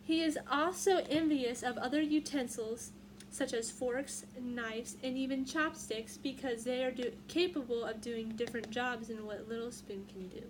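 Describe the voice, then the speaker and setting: A woman reads a picture book aloud to young children in a teacherly way, putting questions to her listeners as a storyteller. Her voice is on the high side, with a steady tone at normal speed. The room background is clearly noisy.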